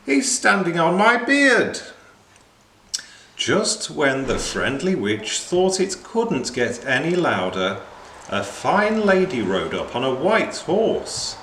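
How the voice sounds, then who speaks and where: A man reading a children's picture book aloud in a slow, very expressive way. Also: mid-range voice. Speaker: storyteller. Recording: echoey room with faint noise.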